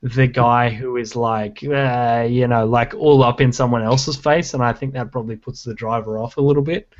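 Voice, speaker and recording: A man jokes and teases his co-hosts on a casual podcast over a video call. His reactions come quick and his voice sits at a middle pitch. The call audio is dull and lo-fi. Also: fairly even intonation. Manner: joking, quick reactions, teasing. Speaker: podcast co-host.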